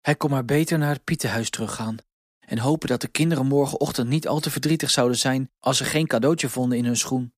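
A man reading a children's story aloud in a calm, lively storytelling manner. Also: mid-range voice, fast talker, no room sound, studio quality.

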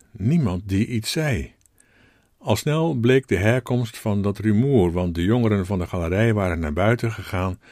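A male pastor delivering a sermon, telling a personal story in a reflective, gently rhetorical way. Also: on the low side, no room sound, clean studio sound.

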